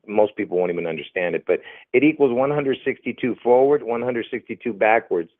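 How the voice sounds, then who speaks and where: A man from Lebanon, a guest talking casually and hesitantly, full of fillers. His voice comes through a thin, phone-like remote line with no room sound. The pitch sits in the middle. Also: a little fast, dry recording. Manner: rambling, hesitant, many fillers. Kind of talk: casual conversation.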